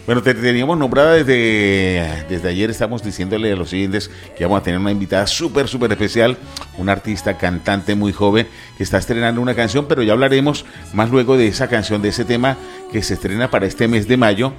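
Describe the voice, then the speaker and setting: A man hosting a radio interview, warmly announcing and welcoming a guest, then asking questions in an upbeat, conversational way. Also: lowish voice, fairly quick, soft background music. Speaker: radio host.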